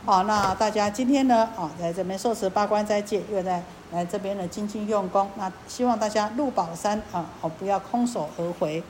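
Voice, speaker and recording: A Buddhist nun preaches to her listeners in a chatty, unhurried way, filling pauses and posing rhetorical questions. Her voice sits in the middle range for a woman. A faint noise runs underneath. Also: medium pitch, a little mellow, low-quality recording. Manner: colloquial, many drawn-out fillers, rhetorical questions. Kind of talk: Buddhist sermon.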